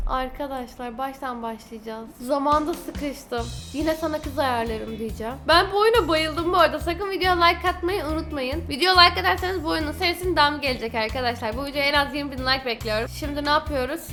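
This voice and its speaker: A young woman giving excitable, casual commentary while playing a game, reading the choices aloud and talking to her viewers. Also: high voice. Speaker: gaming YouTuber.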